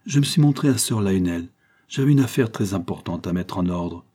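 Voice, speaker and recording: A man's voice: sits low, lively intonation, brisk, dark tone, breathy edge. A man reading the part of a bitter, impassioned young lawyer husband in an audiobook, pleading and reproachful. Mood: cool. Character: brooding young male lawyer, wounded husband.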